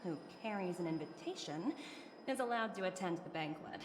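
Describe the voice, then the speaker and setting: A woman's voice: fairly low pitch, animated, fairly quick, natural voice. A woman voicing a businesslike, authoritative young corporate manager in a video game.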